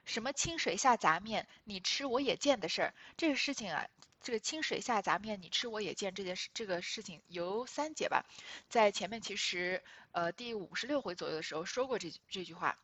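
A woman reads passages from a classic novel aloud and explains them, often pausing with hesitation fillers. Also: medium pitch, animated, a bit bright, no echo. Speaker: literature explainer.

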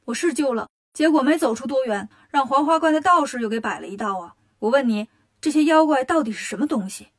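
A woman's voice: high-pitched, expressive, quick pace. A woman voicing a bold, brash monkey king hero in a storybook reading.

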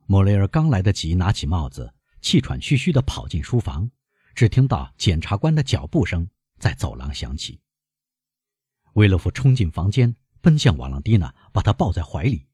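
A man narrating a novel in an expressive, dramatic reading. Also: sits low, moderate pace, slightly rough, dry recording, studio quality. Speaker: audiobook narrator.

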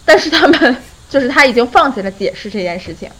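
A woman's voice: high voice, fast talker, breathy edge, poor audio. A young adult woman hosting a podcast, telling a friend's story in a casual chat and often breaking into laughter. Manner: lively, often breaks into laughter while retelling. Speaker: podcast host.

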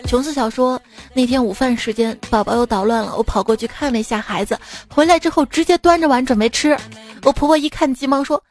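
A woman's voice: high voice, fast. A woman radio host reading listener-submitted jokes in a chatty way, often laughing at them, recorded on a studio mic. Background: faint background music.

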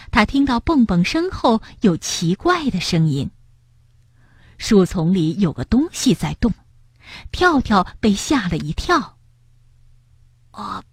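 A woman reading a picture book aloud to children as a storyteller, in a lively, expressive way. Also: mid-range voice, a little slow, slightly rough, dry recording, studio quality. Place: Shenyang.

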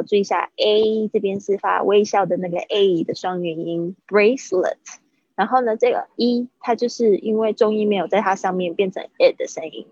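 A woman teaching English vocabulary to Chinese speakers in a chatty livestream, repeating words slowly to model how they sound. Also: mid-range voice, a little mellow, no room sound, highs cut off.

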